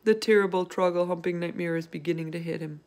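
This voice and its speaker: Woman as a hushed, gentle giant, low voice. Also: fairly even intonation, quick pace, natural voice. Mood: hushed urgency. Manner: hushed, whispering, explanatory. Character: gentle male giant, cautious, quaintly muddled grammar. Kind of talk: dramatized storybook reading.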